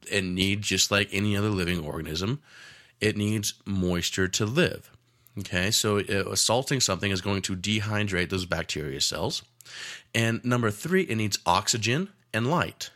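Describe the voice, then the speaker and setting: A man's voice: lowish voice, lively intonation, moderate pace, fairly bright tone. A man, a chef, giving a casual cooking lesson, rambling with many fillers and joking asides.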